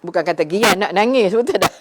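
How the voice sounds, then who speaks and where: A middle-aged woman religious teacher giving a gentle, conversational live online talk, often addressing her listeners directly. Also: mid-range voice, animated, normal speed, very noisy.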